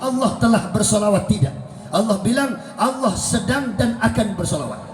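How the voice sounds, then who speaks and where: A man preaches, his voice pitched high and his delivery swinging up and down as he acts out the dialogue of the story. The sound carries through a large, echoey hall, with a faint hiss behind it. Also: expressive, moderate pace, a little mellow. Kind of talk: sermon.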